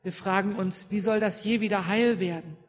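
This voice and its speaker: A woman's voice: medium pitch, fairly even intonation, normal speed. Lady pastor preaching, keeps asking the congregation stuff, big church echo. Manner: engages the congregation with questions and frequent "ja?". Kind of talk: sermon. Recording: long church reverb.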